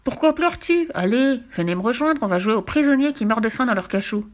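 A woman's voice: a little high, animated, quick pace, pitched above the performer's own voice, natural voice. A woman voicing Fifi, a bold and mischievous young girl in a storybook reading. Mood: playful. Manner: cheeky, boastful, mischievous. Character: bold playful girl adventurer.

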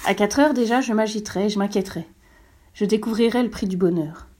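A woman voicing a wise, gentle fox in a storybook reading, calm and measured as it explains. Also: medium pitch, a little hiss or hum, natural voice. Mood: patient.

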